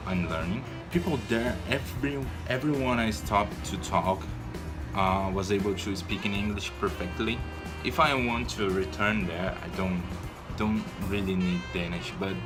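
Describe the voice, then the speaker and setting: Over background music, a Brazilian man in his twenties speaks English with a Brazilian Portuguese accent in a lowish voice at a measured pace. In this casual personal vlog he comes across as hesitant and shy, restarting often.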